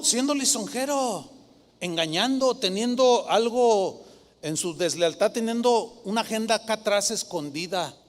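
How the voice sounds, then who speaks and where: High-voiced pastor preaching dramatically. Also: male voice, in a large hall. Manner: dramatic preaching, mimics flatterers in a sugary voice. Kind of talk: sermon.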